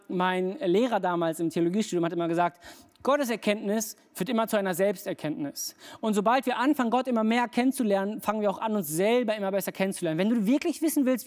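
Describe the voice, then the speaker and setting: This is a preacher delivering a relaxed sermon in a conversational register, speaking straight to the listener. Key phrases come round again and again for emphasis, and the middle-range voice stays easygoing throughout. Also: medium pitch. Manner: colloquial, direct address to listeners. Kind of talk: casual sermon.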